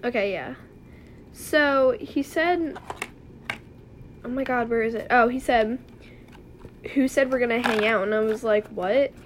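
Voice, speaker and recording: A young woman with a slightly high voice chats casually, reading out text messages in an animated, giggly way. Faint room noise sits under her voice. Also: unhurried, long pauses. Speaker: podcast co-host. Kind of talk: casual chat.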